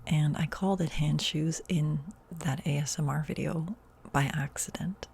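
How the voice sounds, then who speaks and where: Low gravelly whispering woman. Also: fairly even intonation, normal speed. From Netherlands. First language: Dutch. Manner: soft whisper, rambling and chatty with many fillers. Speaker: ASMR YouTuber. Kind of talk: whispered role-play.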